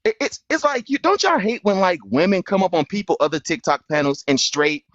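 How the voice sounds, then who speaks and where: A man's voice: high voice, animated, a little fast, a bit bright, no echo. A young man hosting a livestream panel, talking casually and argumentatively, full of slang and "bro". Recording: dull lo-fi stream audio.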